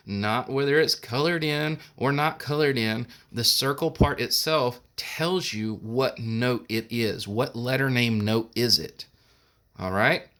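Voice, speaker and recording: Slow, patient male music teacher. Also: medium pitch, pushed and bright. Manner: patient, explains step by step and sings solfege syllables. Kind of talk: recorded remote music lesson.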